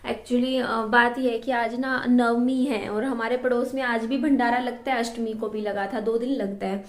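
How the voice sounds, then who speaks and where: A woman's voice: fairly high pitch, fairly even intonation, moderate pace, echoey room. A young woman vlogging from her home kitchen, chatting in a rambling, homely way. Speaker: vlogger and mother. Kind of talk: casual chat to camera.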